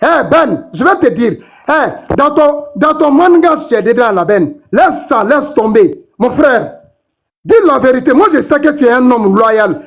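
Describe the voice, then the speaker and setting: A man with a strikingly high voice comments on a live-stream panel. His delivery is emphatic and repetitive, and his sentences are padded with fillers as he pushes his point. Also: expressive, measured pace.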